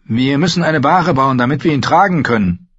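A man's voice: medium pitch, lively intonation, normal speed, fairly bright tone, breathy edge, highs cut off, pitched above the performer's own voice. A man voicing a tough, practical wildling woman who talks bluntly. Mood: urgent. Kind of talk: audiobook character voice.

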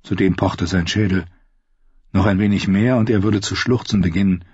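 A man narrates a fantasy story in an even, steady manner with a husky voice. The recording is dry, close and dull, somewhat lo-fi. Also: deep voice, normal speed, dry recording. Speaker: audiobook reader.

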